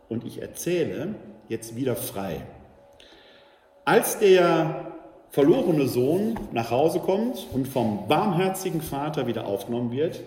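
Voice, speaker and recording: Animated, high-voiced man lecturing in a hall. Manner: animated, emphatic, questions the audience. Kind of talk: lecture to an audience. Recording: echoey hall, faint ambience.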